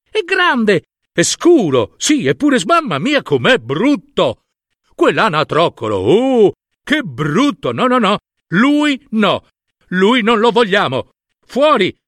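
A man's voice: high-pitched, a bit bright, dry recording, studio quality, voice pushed up, full character voice. A shrieking, jeering crowd of farmyard birds, voiced by a man.

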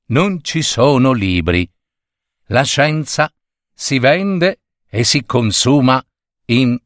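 Slow, expressive male storyteller. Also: medium pitch, no echo, studio quality. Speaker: narrator. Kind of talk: storybook reading.

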